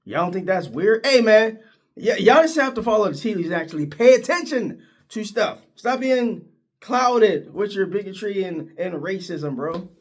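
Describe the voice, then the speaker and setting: A middle-aged man from Northeast Ohio giving casual, opinionated sports commentary, his voice leaping up when he gets worked up. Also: moderate pace. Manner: animated, opinionated, pitch jumps high when worked up.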